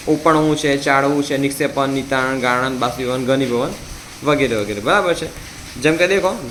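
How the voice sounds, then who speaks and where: Male tuition teacher, Gujarati accent, bright and forceful, drills students with repeated question-and-answer, slightly high voice. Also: slight background noise. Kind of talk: classroom science lesson. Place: tuition classroom.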